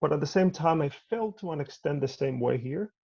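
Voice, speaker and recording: Man from Cuba, artist on video call, husky gravelly voice, dark tone, dull lo-fi audio. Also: a little high, expressive. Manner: measured, thoughtful, with frequent restarts. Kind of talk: interview over video call. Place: home.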